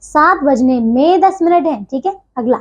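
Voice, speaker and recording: A woman's voice: high-pitched, expressive, unhurried. A woman teaching a grammar lesson to young children, patiently correcting words one by one and checking in after each point. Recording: dull lo-fi recording.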